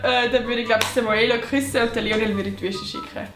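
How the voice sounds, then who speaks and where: A woman's voice: fairly high pitch, steady tone, fast talker, a bit bright, slight background noise. A young woman with a Swiss German accent, chatting casually in an informal, slangy way. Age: young adult. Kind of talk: casual chat. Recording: roomy echo with music. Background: music.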